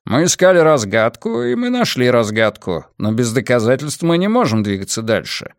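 A man voicing a calm, measured male police commissioner in an audiobook, explaining patiently. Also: medium pitch, no echo, clean studio sound, natural voice. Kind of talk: audiobook character voice.

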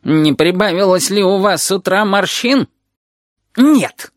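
A reader puts on a furious female teacher from an audiobook, her raised voice leaping high and low as she rants. She spits out indignant complaints. The sound is close and dry. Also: very animated, moderate pace, a little mellow, no echo, lightly acted. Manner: indignant, fuming. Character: irritable, sharp-tongued female teacher. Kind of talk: audiobook character voice.

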